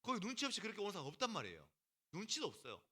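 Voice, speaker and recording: A male pastor preaching a lively sermon to a youth group, teasing the students, calling on them by name and acting out what people say. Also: sits high, very fast, husky. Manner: animated, teasing, acts out quotes and calls on students by name.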